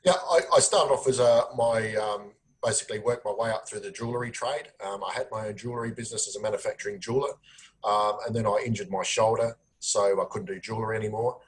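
A man with a low-pitched Australian voice answers interview questions in an earnest, plain-spoken way. He pauses often on ums as he explains himself. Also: low-quality recording. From South Australia. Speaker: podcast guest. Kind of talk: conversational interview.

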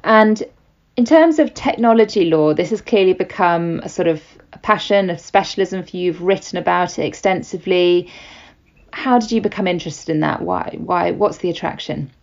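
A woman hosting an interview podcast over a video call, speaking in a measured way with frequent "um"s. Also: lowish voice, vocal fry, a little mellow, dull audio. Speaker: podcast host.

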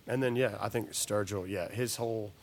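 Gravelly low-voiced man chatting casually. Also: moderate pace, crowd noise. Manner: relaxed, swearing, trailing restarts. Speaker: singer-songwriter. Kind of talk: casual chat. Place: coffee shop.

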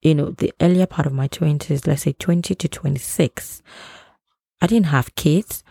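A woman's voice: low voice, moderate pace, gravelly, dark tone, breathy edge, no echo, clean studio sound. A woman in her thirties hosting a podcast, giving earnest advice in a casual reflective monologue. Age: 30s. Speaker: podcast host.

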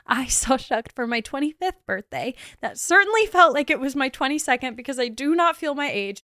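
A woman in her mid-twenties chats through her podcast in a bubbly, rambling way, full of "like" and small laughs. Her voice is smooth and clear and sits a little high. The sound is close and dry, with no room around it. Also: expressive, fairly quick, bright, forceful tone, no room sound. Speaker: podcast host. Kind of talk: casual solo podcast recap.

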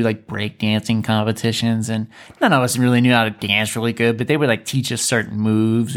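A man hosting a casual interview, talking in an animated, sarcastic way. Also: medium pitch. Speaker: podcast host.

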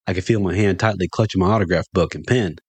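A middle-aged man telling a funny personal story in first person, animated and getting excited when he quotes himself. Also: quick pace, husky, no room sound. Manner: animated, jumps higher for excited quoted lines.

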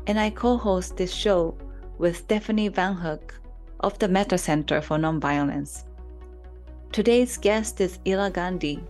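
Female podcast co-host, clear scripted intro and questions, lowish voice over faint music. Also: darkish tone. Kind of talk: podcast interview hosting.

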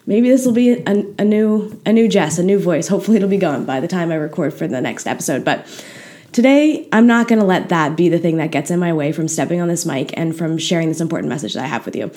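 Hoarse woman hosting a candid podcast. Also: fairly low pitch, animated, fast, mellow. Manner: candid, chatty, self-deprecating. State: hoarse, unusual voice today. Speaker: podcast host. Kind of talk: casual motivational podcast talk. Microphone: podcast microphone.

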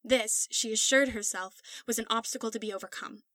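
Bright-voiced woman narrating a story. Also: fairly high pitch, brisk, dry recording.

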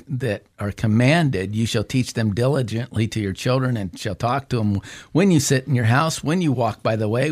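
A man, a pastor, talking through scripture in a measured, halting way on a podcast panel. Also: medium pitch, a little mellow, no room sound. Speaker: pastor and co-host. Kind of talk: unscripted podcast discussion.

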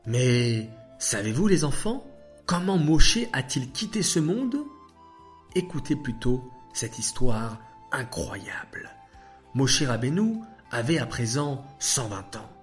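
Slow-paced man telling children a story. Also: medium pitch, soft background music. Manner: warmly animated, asks the listeners questions.

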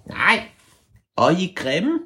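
Man doing a tiny winged sprite girl for a told story, sulky and touchy, squeaky voice pitched far above his own. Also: huge pitch swings, pushed and bright, exaggerated voice. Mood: rude.

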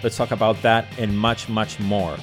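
A man's voice: fairly low pitch, little pitch movement, normal speed, over music. A man hosting a casual, unscripted solo fan podcast, speaking in an emotional and passionate way. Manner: emotional, feelings-led, passionate delivery. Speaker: podcast host.

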